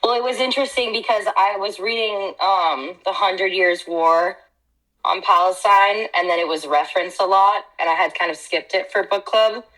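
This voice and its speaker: A woman's voice: medium pitch, normal speed, fairly bright tone, poor audio. A woman co-hosting a podcast in blunt, frank, laughing casual chat. Her voice plays from earbuds through laptop speakers and is picked up again by a laptop microphone. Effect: voice played through laptop speakers from earbuds and re-recorded by a laptop mic. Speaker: podcast co-host.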